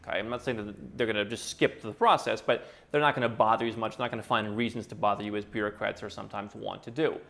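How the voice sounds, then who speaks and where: A man hosting his channel, giving brisk, opinionated advice straight to camera with a touch of sarcasm. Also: fairly low pitch, fairly even intonation, vocal fry, fairly bright tone. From United States. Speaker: channel host. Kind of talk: talking-head advice commentary.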